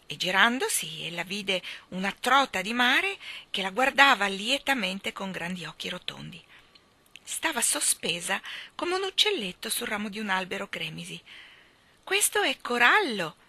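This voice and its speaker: A woman reads a children's story aloud with plenty of expression. Her voice is bright and rises and falls a lot. She tells the story at an easy, steady pace. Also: mid-range voice, moderate pace, no room sound. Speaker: reader. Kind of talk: children's audiobook narration.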